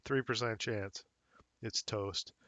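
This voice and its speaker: A man hosting a wargame rules tutorial, talking casually and thinking aloud with fillers as he checks the rules, a little hoarse. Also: on the low side, steady tone, slow pace, bright, forceful tone, no echo. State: slightly hoarse, losing his voice. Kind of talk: screen-recorded game rules walkthrough.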